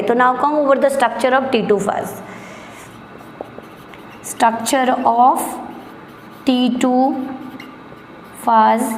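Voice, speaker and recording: A high-pitched woman with an Indian accent teaches a biology class. She talks at an unhurried pace and dictates English lines slowly while explaining in Hindi. The room is echoey, with a long reverb tail and faint background noise. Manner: switches between quick Hindi and slow, deliberate English dictation; addresses students as beta, asks and answers own questions. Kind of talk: classroom lecture.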